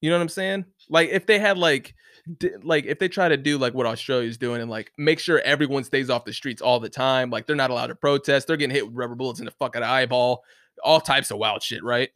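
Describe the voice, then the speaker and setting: A man's voice: mid-range voice, fairly quick, fairly bright tone, no room sound, clean studio sound. A man ranting casually, rambling with many restarts and fillers and swearing freely. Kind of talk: casual rant to camera. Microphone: close mic, bumped once.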